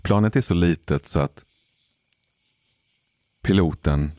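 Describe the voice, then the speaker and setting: A man telling a personal story in a casual, measured way, pausing for suspense. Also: low voice, a little mellow, no room sound, studio quality. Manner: measured, deliberate pauses for suspense. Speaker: podcast storyteller.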